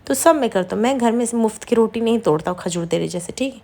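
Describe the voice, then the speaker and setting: Mocking loudmouth husband from a tv serial, read fast by a woman, bit high. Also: expressive, creaky. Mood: taunting. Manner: taunting, mocking. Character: brash loud-mouthed young husband.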